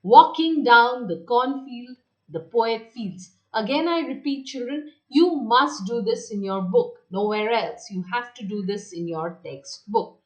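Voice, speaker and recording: Indian english lady teacher, slow and singsong, goes over stuff twice, kinda high voice. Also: lively intonation, muffled recording. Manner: slow, repeats instructions, stresses key words. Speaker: school teacher. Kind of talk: recorded online class lecture.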